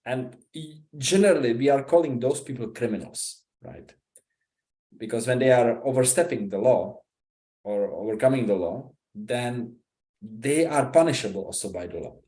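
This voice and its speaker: A man from the Republic, giving an informal scripture talk in a halting, conversational way, often checking in with "right?". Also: medium pitch, dark tone. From Czech Republic. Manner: conversational, halting, with frequent 'right?' and 'you know?'. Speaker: visiting speaker giving a scripture class. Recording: roomy echo.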